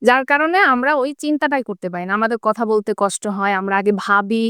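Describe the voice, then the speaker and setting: Brief: woman teacher, fairly high smooth voice, dry close sound, explanatory, rhetorical questions. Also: fairly quick, pushed and bright, no echo. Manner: asks rhetorical questions, checks in with tag questions. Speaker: English teacher. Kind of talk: explanatory interview talk.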